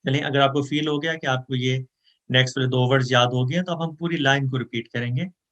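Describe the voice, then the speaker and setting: A man with a Pakistani Urdu accent teaching Quran memorization, slowly chanting verses and then explaining them plainly. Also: medium pitch, fairly even intonation, a bit bright. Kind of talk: recitation lesson with explanations.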